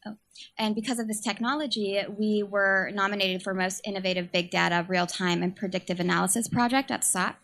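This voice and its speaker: A young communications manager from San Francisco delivers a nervous startup pitch in a quiet voice, hesitating with lots of ums and uhs. Her tone stays steady and her pace is a little fast.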